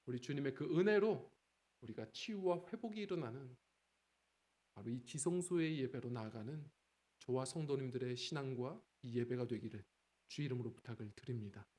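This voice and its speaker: A man in his forties, pastor of a church, preaching a Sunday sermon with lively, conversational storytelling. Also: medium pitch. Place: church sanctuary.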